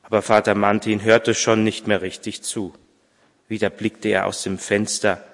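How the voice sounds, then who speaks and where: A pastor reading a story aloud in a church service, measured and a little hesitant when speaking freely. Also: male voice, fairly low pitch, flat delivery. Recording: long church reverb, distant mic.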